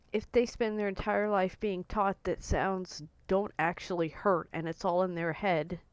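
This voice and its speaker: Speaking to camera in a casual, no-nonsense way, this outspoken woman vlogger in her forties has a medium-pitched voice with a slight croak and hoarseness. There's no room sound in the recording.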